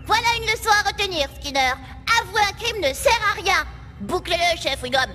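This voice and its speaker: A woman's voice: very high voice, expressive, normal speed, over music. A woman voicing a brash, mischievous ten-year-old boy with a scratchy voice in a cartoon game dub. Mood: boastful. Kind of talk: dubbed cartoon game dialogue.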